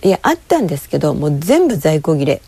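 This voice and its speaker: Woman, low gravelly voice, warm mellow tone, animated swooping delivery, chatty storyteller, dry close sound. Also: quick pace, no room sound. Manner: lively, rambling, with frequent fillers. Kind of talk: casual monologue to camera.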